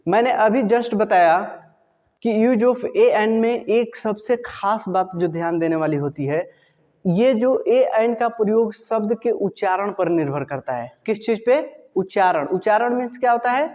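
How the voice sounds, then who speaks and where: A man with a Hindi accent teaching English grammar to a class. He fires questions at the class, answers them himself and slowly drills each example sound. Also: high voice, a little mellow, big-room sound, dull audio.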